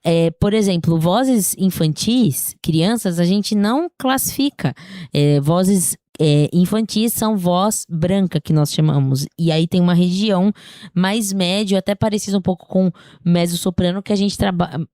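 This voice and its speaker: A woman's voice: lowish voice, measured pace, dark tone, dry recording, studio quality. A woman singing teacher with a slightly sore throat, giving a casual spoken lesson, explaining things in a chatty way and often checking in with her listeners.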